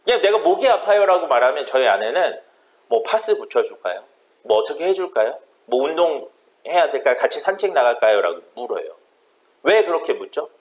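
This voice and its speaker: A man's voice: mid-range voice, sing-song, fairly quick, rough recording. A man preaching a sermon as pastor, impassioned and building to fervent pleading.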